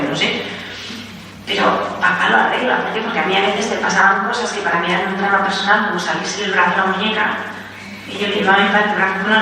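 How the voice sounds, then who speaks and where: A woman from Spain giving a spiritual talk as a Carmelite nun, telling childhood stories in a lively way and acting out what people said. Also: medium pitch. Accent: Spain Spanish. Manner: lively storytelling, acts out quotes. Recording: echoey hall from far off, faint noise.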